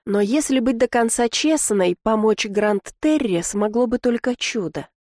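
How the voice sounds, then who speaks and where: A woman narrating a first-person fantasy audiobook in an expressive reading voice. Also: a little high, a little slow, no room sound, clean studio sound.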